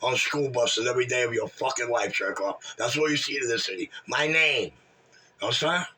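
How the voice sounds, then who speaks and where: Heard on a distant mic, this sixty-something regular of a call-in chat room show boasts and trash talks profanely and brashly. He speaks a little fast at medium pitch, with a sharp, slightly rough tone.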